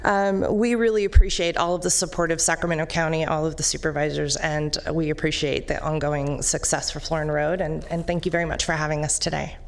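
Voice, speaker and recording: Low, gravelly woman presenting at a meeting. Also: fairly even intonation, fairly quick, few pauses. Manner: upbeat, proud, with frequent fillers. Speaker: business district representative presenting to county board. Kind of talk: public presentation at a government meeting. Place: county board meeting chamber.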